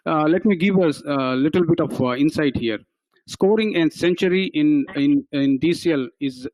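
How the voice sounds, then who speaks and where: A male radio host with a voice pitched a little above the usual for a man. His talk is halting, full of restarts, and relaxed in tone. The sound is dry and close, with no room around it. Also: no echo, rough recording. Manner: halting, restarts sentences often. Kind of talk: casual radio sports chat.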